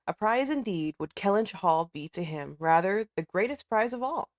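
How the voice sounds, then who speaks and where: A woman reading a storybook part as a proud, pompous, disdainful older gentleman. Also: medium pitch, expressive, moderate pace, lightly acted. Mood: smug. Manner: pompous, formal.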